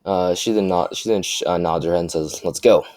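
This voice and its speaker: A young man with a low, deep voice improvises a fan story aloud. He stumbles through restarts and fillers as he goes. The sound is close and dry, with no room echo. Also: fairly even intonation, darkish tone. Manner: halting, full of restarts and fillers.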